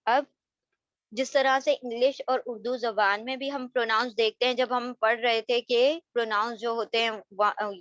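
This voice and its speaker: A woman's voice: fairly high pitch, fairly even intonation, moderate pace, fairly bright tone, no room sound. A woman teaching a beginners' grammar lesson, explaining step by step with fillers and English terms. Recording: dull, lo-fi sound.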